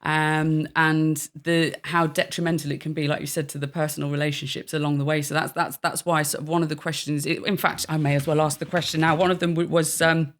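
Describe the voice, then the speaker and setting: A podcast host in casual chat, asking halting, rambling questions with frequent restarts. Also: mid-range voice, level tone, fairly bright tone.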